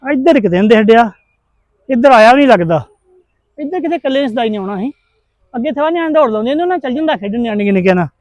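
A man's voice: very high-pitched, expressive, quick pace, darkish tone, lo-fi sound. A middle-aged man acting as a stern, suspicious husband and son who scolds his wife in a family drama. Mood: worried. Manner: accusing, scolding.

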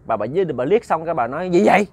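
Male ghost-story narrator, conversational and animated, speaks to listeners directly. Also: on the high side, very fast. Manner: conversational, repeats words, addresses listeners as "cả nhà".

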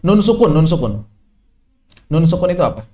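A man from the Sundanese region of West Java teaching a tajwid lesson in an online class, lively and jokey, asking his students rhetorical questions. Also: fairly high pitch, normal speed. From Sundanese region of West Java, Indonesia. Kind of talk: online Quran recitation lesson. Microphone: online class microphone.

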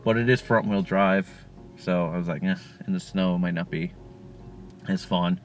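A young man with a low voice, chatting easily in a parked car about his own life. He rambles a little and leans on fillers as he thinks aloud. Faint music sits beneath the talk. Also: steady tone, normal speed. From Connecticut. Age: 20s. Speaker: co-host. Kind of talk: casual Q&A chat. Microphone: camera on the dashboard.

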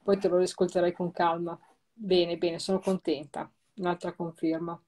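Low, mellow-voiced woman hosting. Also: level tone, moderate pace. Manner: repetitive, emphatic, warmly reassuring. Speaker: host. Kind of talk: live-streamed talk, explaining replayed recordings.

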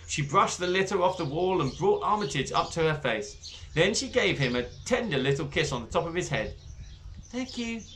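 A man reading a children's book aloud with animated, expressive storytelling. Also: a little high, fairly quick, slight background noise. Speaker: book club reader.

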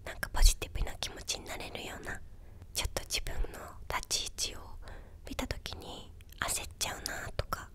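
Whispering young woman in casual ASMR chat. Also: a little fast. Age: young adult. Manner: soft, unvoiced whispering. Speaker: ASMR video creator. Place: small quiet indoor room with a bed or sofa. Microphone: desktop condenser microphone, close up.

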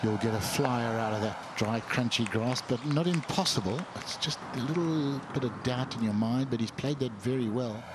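A man's voice: medium pitch, moderate pace, few pauses. A man giving conversational golf commentary. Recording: clear outdoor broadcast background noise.

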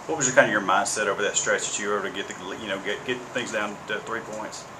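Fast-talking male reporter. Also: on the low side. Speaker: sports reporter. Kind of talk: press conference questions. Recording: steady air-conditioning hum.

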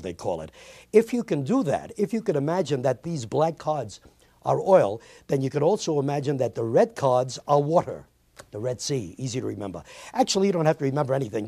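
A man's voice: medium pitch, mellow, husky, no echo. A man performing as a magician, giving playful showman's patter and step-by-step instructions for a card trick.

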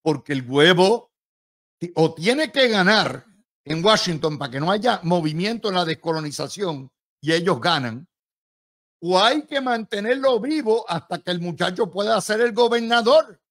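High-voiced, combative Puerto Rican political analyst. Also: male voice, expressive, moderate pace, a bit bright. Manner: emphatic, combative, sarcastic. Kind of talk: political commentary.

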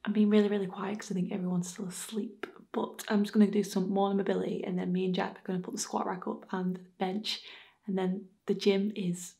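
A woman's voice: medium pitch, little pitch movement, brisk, vocal fry, dark tone. A young woman vlogging casually, chatty and laughing as she builds her home gym. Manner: chatty, laughing, swears under breath while building. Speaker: vlogger, personal trainer. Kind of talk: casual vlog chat. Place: basement home gym with bare brick walls. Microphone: camera on a tripod across the room. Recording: echoey room, camera far off, light music.

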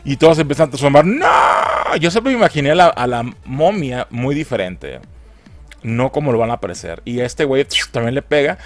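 A man's voice: medium pitch, lively intonation, fairly quick, faint music behind. A man giving casual, swearing, laughing commentary as a film trailer reviewer.

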